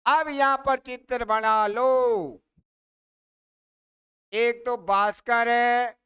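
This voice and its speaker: A man teaches an exam-prep maths lesson at an unhurried pace. His voice is very clear and smooth, recorded close on a dry mic. He asks the class a question, repeats it, then answers it himself. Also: extremely high pitch, fairly even intonation, a bit bright, no room sound.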